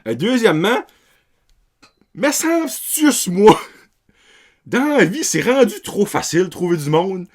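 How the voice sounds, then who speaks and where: A young man with a Québécois French accent rambles through a casual film review, sprinkling in English words and loose slang. His pitch swings up and down a lot as he talks, in an unpolished, off-the-cuff way. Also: very animated, measured pace, pauses often. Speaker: podcast host.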